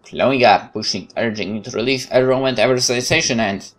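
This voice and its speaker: A fast-talking man from Poland with a mid-range voice and Polish accent reads visual novel text aloud as a let's play host. He performs it dramatically, stumbling now and then and tossing in casual asides.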